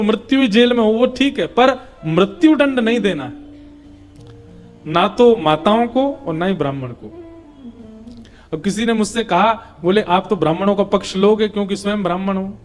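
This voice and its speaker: A young man preaching a devotional scripture discourse, telling the story with acted dialogue and chanting verses. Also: sits high. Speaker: katha preacher.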